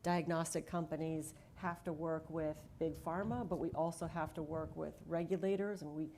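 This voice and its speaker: A woman's voice: deep voice, steady tone, normal speed, mellow, slight background noise. A woman speaking on a conference panel as a diagnostics leader, telling her story earnestly with frequent fillers.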